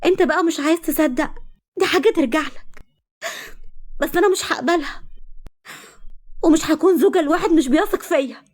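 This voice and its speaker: A woman with an Egyptian accent voicing a defiant, desperate young wife in a read-aloud story, loud and pleading. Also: high voice, fairly quick, long pauses, voice pushed up, lightly acted. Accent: Egyptian Arabic. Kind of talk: storybook reading.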